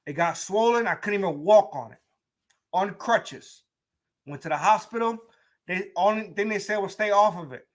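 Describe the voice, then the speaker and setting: A high-voiced young man hosting a sports talk show. He talks to his listeners in a loose, animated way and often repeats and restarts his points. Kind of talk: casual sports commentary.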